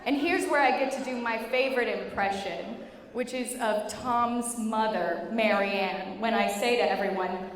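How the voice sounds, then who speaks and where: A young adult woman giving a humorous prepared wedding speech as maid of honor, with animated, joking storytelling and dramatic pauses. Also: fairly high pitch. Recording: echoey reverberant hall with clear noise.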